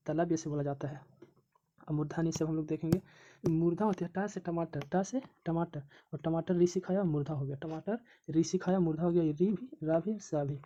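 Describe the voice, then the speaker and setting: A woman's voice: low voice, mellow, dull audio, slight background noise. A woman teaching an exam coaching lesson, repeating syllables and terms over and over as she drills them. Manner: repetitive, drills syllables aloud.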